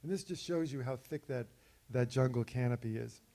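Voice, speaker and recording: A man walks an audience through his slides, telling stories in a relaxed, easygoing way. His voice is dark and mellow with a gravelly edge, and he often pauses on fillers and restarts his sentences. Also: mid-range voice. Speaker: speaker presenting slides of an expedition. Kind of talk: illustrated talk to an audience.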